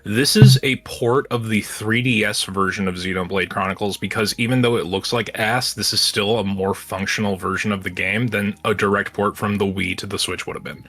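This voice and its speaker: A man with a low voice gives blunt, wry takes on video games, now and then with a curse thrown in. He speaks casually, as in a relaxed chat between friends. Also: a little fast, hardly any pauses. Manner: wry, blunt, sometimes profane. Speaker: podcast co-host.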